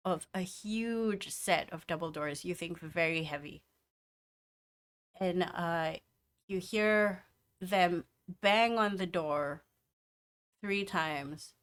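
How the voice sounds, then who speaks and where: A woman running a tabletop game, narrating the scene in a relaxed, hesitant way with frequent fillers. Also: lowish voice, slow, pauses often. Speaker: game master.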